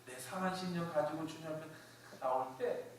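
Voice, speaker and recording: A man preaches in a conversational, emphatic way, his voice a little on the high side. He is caught from a distance in a very echoey church hall. A faint hiss sits underneath. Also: brisk. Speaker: pastor. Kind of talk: sermon.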